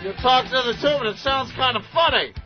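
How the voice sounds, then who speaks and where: A man's voice: very high-pitched, fairly quick. A male radio host talking through a cardboard tube, hamming it up as a mock DJ in a comedy bit. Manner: hammy mock-DJ announcing. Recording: muffled radio audio with loud music bed.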